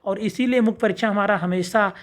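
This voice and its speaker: Woman, exam prep teacher, spelling drill, rising then falling delivery. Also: fairly quick. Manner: stresses the wrong form, then drops low for the correct one. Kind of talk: spelling lesson, word-by-word drill.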